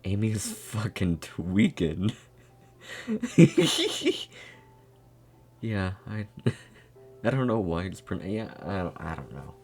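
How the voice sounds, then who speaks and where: Male streamer, very low voice, unhurried and giggly, faint game music behind. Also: huge pitch swings, darkish tone, breathy edge. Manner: giggly, rambling, laughs often. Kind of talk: casual game playthrough commentary.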